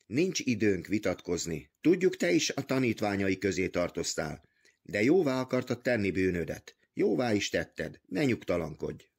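A man's voice: on the low side, big pitch swings, husky, exaggerated voice. A man voicing a fat, pompous, irritable temple treasurer who talks impatiently and mockingly in an audiobook reading.

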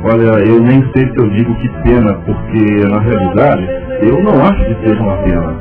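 Old radio soap: a frank, kindly cousin, lively delivery, thin lo-fi sound over music. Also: male voice, lowish voice, moderate pace. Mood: warm. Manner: frank and reassuring. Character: kind, frank male cousin, encouraging. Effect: old radio drama recording. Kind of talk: 1980s radio soap acting.

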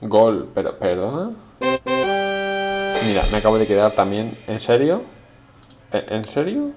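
Excitable man with lively pitch. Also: normal speed, loud music behind the voice. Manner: excitable, exclamatory reactions. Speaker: gameplay commentator. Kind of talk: let's play commentary. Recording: audible background noise and keyboard clicks.

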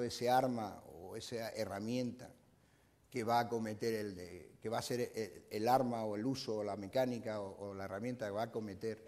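An older man lectures to a room, talking in a mellow, dark voice and filling his pauses with "eh". His speech rings with the long reverb of a lecture hall. He is recorded on a lapel mic. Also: medium pitch. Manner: explanatory, frequent "eh" fillers and restarts. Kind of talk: conference talk.

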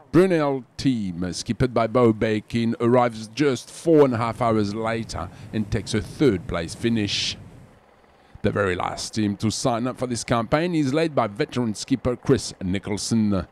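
A man with a French accent, reading scripted sailing news as the show's presenter in a measured, dramatic voice-over. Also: lowish voice, darkish tone, a little hiss or hum. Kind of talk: scripted sports news narration.

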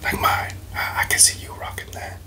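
A young adult man, an ASMR video creator, performs a playful, teasing whispered role-play with tingly wet mouth sounds, breathy and slow, murmuring repetitions. Despite the whisper his tone is bright and forceful, captured on a close desk microphone in front of him in a small indoor bedroom.

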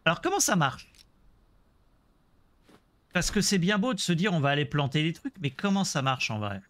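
Chatty man streaming a game, higher voice. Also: sing-song, normal speed, a bit bright. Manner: chatty, joking, talks to chat viewers. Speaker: Let's Play streamer. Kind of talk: casual gameplay commentary.

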